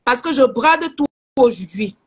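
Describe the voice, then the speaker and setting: A young Cameroonian woman with a Cameroonian French accent, selling goods on a live stream and chatting warmly to her viewers. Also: on the high side, unhurried, slightly rough. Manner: lively, addresses viewers as aunties. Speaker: live seller. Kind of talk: casual live-stream sales chat.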